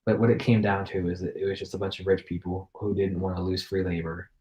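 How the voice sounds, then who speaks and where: Chill american dude hosting a podcast, lowish voice, jokey. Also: male voice, little pitch movement, fast talker, dark tone, poor audio. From United States. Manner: laid-back, joking, chuckles. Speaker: podcast host. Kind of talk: casual chat.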